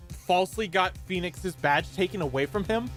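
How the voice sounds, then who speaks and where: A man's voice: high voice, normal speed, fairly bright tone, soft background music. A man chatting casually and reacting as he plays a video game. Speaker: let's player. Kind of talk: casual gaming commentary.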